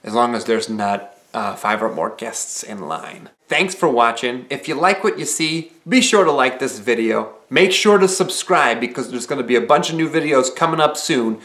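A young man talking relaxed and conversational to the camera in a small living room, explaining things with casual filler phrases. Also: medium pitch, moderate pace, hardly any pauses. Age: young adult. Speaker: vlogger. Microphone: camera mic, head-and-shoulders framing.

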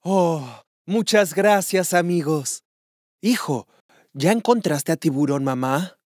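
Animated, caring cartoon daddy shark. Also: male voice, on the high side, slow, no echo, studio quality. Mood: relieved, grateful. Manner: expressive, exclaiming, fatherly. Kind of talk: children's cartoon voice acting.

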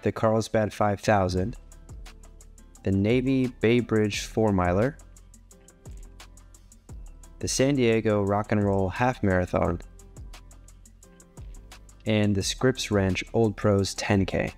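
A man's voice: fairly low pitch, fairly even intonation, slow, pauses often, a little mellow. A man in his thirties, a coach narrating a vlog in an earnest, methodical, technical explaining manner. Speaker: running coach and sport physiologist. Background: background music.

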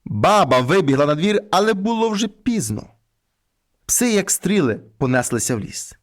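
A man reading a folk fairy tale aloud in an expressive storytelling manner. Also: sits high, normal speed.

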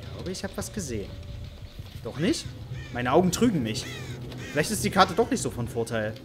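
A man's voice: a little high, big pitch swings, brisk, over music. A man giving playful, teasing let's-play commentary over a horror game, mock-taunting the characters he hunts. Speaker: gaming YouTuber.

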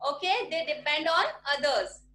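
With big pitch swings at normal speed, her high-pitched voice sounds pushed and bright, and there's a little hiss or hum. The speaker is a primary school teacher from India, patiently repeating questions in an online class she teaches from a small home room. Audio is from a desk laptop webcam mic, echoey like a video call.

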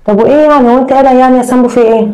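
A man's voice: very high-pitched, steady tone, racing, a little mellow, clean tone, low-quality recording. A man voicing a scheming young wife who speaks with an Egyptian accent, coaxing and unbothered while she plots.

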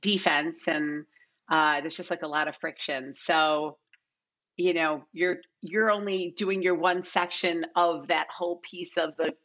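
Speaking at a measured pace in a deep, fairly bright voice with fairly even intonation, a middle-aged American woman guests on a podcast via video call. A casting director, she rambles through unscripted, casual chat, peppering it with "like" and "you know." She wears headphones in a bright living room at home, and the video-call sound is lo-fi and slightly dull.

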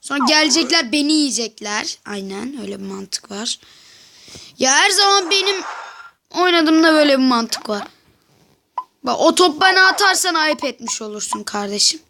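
A woman giving casual game commentary to viewers, excitable and yelling at the game in frustration. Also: high voice, normal speed. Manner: talks to viewers directly. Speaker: gameplay commentator. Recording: noisy background with mouse clicks.

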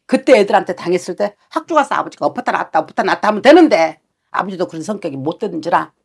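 A woman's voice: medium pitch, vocal fry, husky. A woman shaman giving a fortune-telling session, talking bluntly and scolding with coarse words.

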